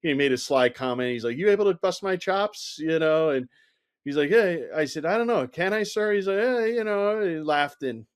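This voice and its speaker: Here the former Secret Service agent, a middle-aged man, sounds on the high side, clear and resonant, at normal speed. He's an interview guest spinning animated stories, saying "you know" a lot and acting out dialogue.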